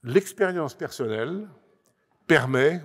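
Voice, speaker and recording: A man's voice: a little high, lively intonation, takes it slowly. A man giving an explanatory talk at a conference panel, emphatic, with frequent hesitations and restarts. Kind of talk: lecture-style talk to an audience. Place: assembly hall. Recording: long reverb of a large hall.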